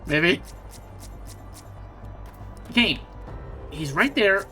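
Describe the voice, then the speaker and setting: A man's voice: sits high, lively intonation, extremely slow, pushed and bright, soft background music. A man streaming a video game, chatting casually with friends and laughing often. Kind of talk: casual chat while playing a game.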